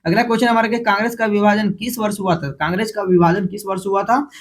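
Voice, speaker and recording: High-pitched guy with a jharkhand hindi accent rattling off mcq answers, repeats every question, keeps correcting himself. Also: fairly even intonation. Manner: repeats each question, then announces the option letter; hurried, with frequent restarts and self-corrections. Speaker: exam prep teacher. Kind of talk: quick-fire multiple-choice quiz review.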